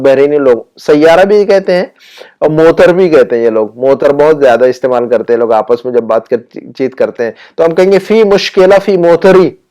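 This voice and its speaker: Male language teacher, fairly high voice, patient explainer, slow repeated drills. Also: warm tone. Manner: slow, drawn-out repetition of example phrases; explanatory, with frequent fillers. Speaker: Arabic teacher. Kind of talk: spoken Arabic lesson.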